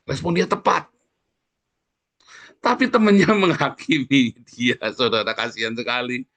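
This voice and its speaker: A man's voice: medium pitch, animated, vocal fry, dry recording. A male pastor giving a sermon in a conversational way, often addressing the congregation directly. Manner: sings short worship lines softly and slowly.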